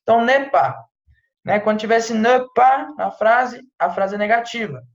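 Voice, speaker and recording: A man's voice: extremely high pitch, normal speed, reverberant, lo-fi sound. Chatty man teaching French. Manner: chatty, peppers speech with "tá?" and "né?". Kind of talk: casual online language lesson.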